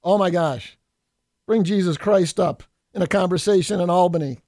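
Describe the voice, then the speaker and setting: A man's voice: high voice, moderate pace, darkish tone, no echo, studio quality. A middle-aged man from New York State, a state assemblyman hosting a political podcast, delivering a combative, folksy monologue and calling listeners folks.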